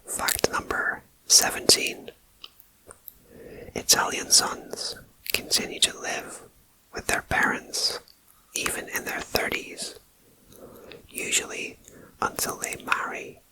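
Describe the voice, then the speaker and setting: An ASMR host whispering a list of facts in a slow, soft voice and adding chatty personal asides, recorded on a binaural ear-to-ear microphone. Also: poor audio. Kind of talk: whispered ASMR fact reading.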